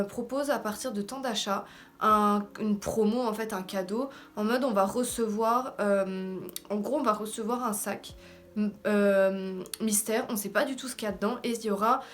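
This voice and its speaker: A woman with a French accent, also on English words, giving an informal, slangy, self-deprecating beauty haul chat. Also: medium pitch. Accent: French, heard also in her English. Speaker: beauty vlogger. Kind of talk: casual haul video chat. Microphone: camera in front of her with ring light.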